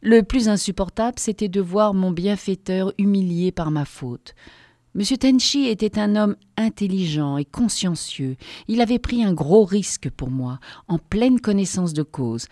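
A woman reading a first-person story aloud as an audiobook narrator, measured and expressive. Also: medium pitch, dry recording, studio quality.

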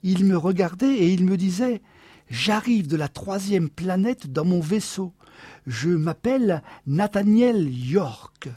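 Guy voicing a dreamy restless wife from a storybook, breathless and wondering, husky. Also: on the low side, expressive, takes it slowly, warm tone, dry recording, heavily acted. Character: dreamy, wistful Martian wife, restless and excitable.

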